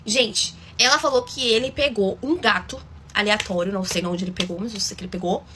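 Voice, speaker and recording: Fast bright woman telling a story. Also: mid-range voice, slight background noise. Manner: dramatic, chatty, addresses listeners directly. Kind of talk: casual storytime.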